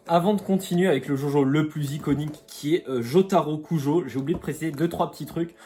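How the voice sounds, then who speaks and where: A man's voice: a little high, quick pace, mellow, soft background music. Chatty French guy unboxing figures. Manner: chatty, slangy, jokey asides. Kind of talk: casual unboxing vlog.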